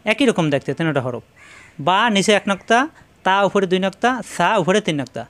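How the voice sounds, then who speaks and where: A man teaching letter pronunciation, repeating syllables slowly and instructively, with a Bangladeshi Bengali accent. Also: high-pitched, lively intonation. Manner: repetitive, instructive, drawn-out syllables. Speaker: Quran reading teacher. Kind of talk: slow drilled pronunciation lesson.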